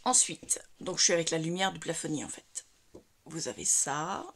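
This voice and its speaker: At home in a craft room lit by a ceiling light, a woman with a low, slightly bright voice chats at normal speed for a casual crafting vlog. She shows craft items one by one, hesitating often, with slight background noise.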